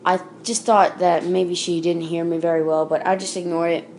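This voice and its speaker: A woman's voice: lowish voice, level tone, normal speed, darkish tone, slight background noise. A woman telling a creepypasta in a casual, unscripted way, with fillers and self-corrections along the way. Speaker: storyteller. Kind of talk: casual spoken creepypasta reading.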